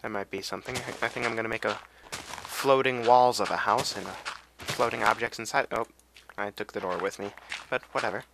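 A man's voice: fairly low pitch, fairly even intonation, brisk, vocal fry, noisy background. A young man giving casual, rambling commentary over a video game, humming and drifting off on tangents. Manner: rambling, goes off on tangents, hums and sings to himself. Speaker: gameplay commentator.

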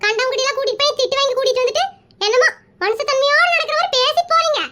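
A shrill, nosy cartoon aunt. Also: female voice, very fast, sharp tone. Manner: brash, nosy, rambling. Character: pushy chatty married village aunt matchmaker. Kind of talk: cartoon comedy voice acting.

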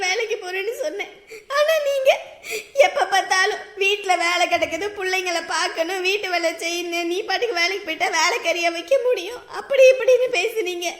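Woman voicing a cartoon mother, very high bright voice, tender, pleading. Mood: tearful. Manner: pleading, tearful, tender with her children. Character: long-suffering hard-working mother and wife.

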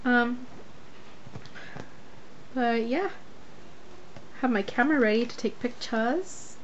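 Speaking slowly in a voice that is a little high, a young American woman chats through a casual vlog. She is informal and rambling, with frequent "like," filming in her closet and bedroom with a handheld camera at arm's length. The sound is dull and noisy.

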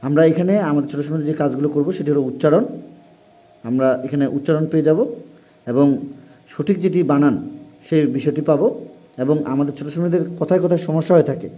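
A man teaching a spelling lesson in a formal, repetitive way, with frequent pauses. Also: fairly high pitch, warm tone. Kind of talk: classroom lesson for parents and young pupils.

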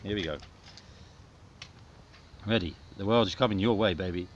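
Outdoors in a small back garden, a middle-aged man with a deep voice narrates a home video at a moderate pace, joking around in a playful, mock-dramatic way. The camera audio is muffled and noisy, with clicks.

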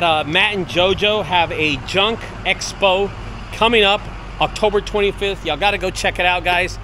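A man's voice: high voice, sharp tone. Earnest man in his forties vlogging. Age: 40s. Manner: earnest, repetitive motivational pep talk. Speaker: business owner vlogger. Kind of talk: casual walk-and-talk vlog. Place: outdoors and in a large empty warehouse. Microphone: wireless earbud mic, handheld camera. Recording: faint outdoor noise.

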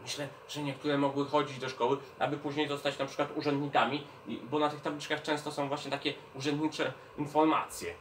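A man's voice: a little high, flat delivery, fairly quick, hardly any pauses, fairly bright tone, distant mic, a little hiss or hum. Patient man explaining things to children. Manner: patient, explaining, checks in with the kids. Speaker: children's librarian. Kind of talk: children's educational talk.

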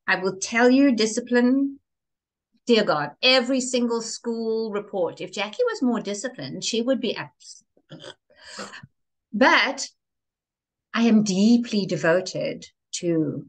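A woman speaking as a guest in an interview, expressive and theatrical, with lively emphasis on key words. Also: on the high side, takes it slowly, long pauses. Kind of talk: enthusiastic interview conversation.

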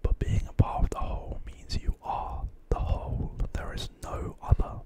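A man in his twenties gives a whispered, gentle and reassuring pep talk in a breathy, rambling ASMR style, close to the microphone. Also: moderate pace. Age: 20s. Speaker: ASMR creator. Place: small quiet bedroom. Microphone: close large studio microphone on desk.

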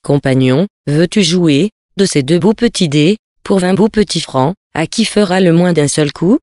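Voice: mid-range voice, normal speed, darkish tone, no echo, clean studio sound, natural voice. A reader voicing a boastful tavern dice player who challenges his companion. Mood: sly. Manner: challenging, sly. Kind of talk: storybook reading.

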